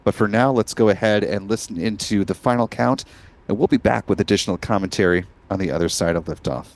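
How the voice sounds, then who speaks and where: Deep-voiced man hosting live launch commentary. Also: fast talker. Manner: informative, orderly phrasing.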